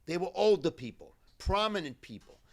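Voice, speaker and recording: Speaking in the first person, a cantor relates a survivor's account during his keynote at a memorial gathering. The man's high-pitched voice has a darkish tone and plenty of expression, and his delivery is measured, broken into short phrases.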